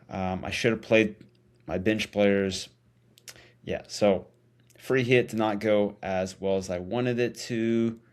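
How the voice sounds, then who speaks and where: A man's voice: fairly low pitch, a little mellow. A man hosting a casual solo fantasy football vlog, speaking informally with a retainer in his mouth, often hesitating and correcting himself. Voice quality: slightly impeded speech from wearing a dental retainer.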